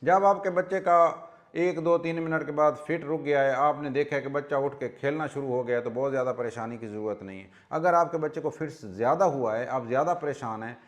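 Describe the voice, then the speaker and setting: A man, a pediatrician giving a calm, measured health talk and listing points one by one. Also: mid-range voice.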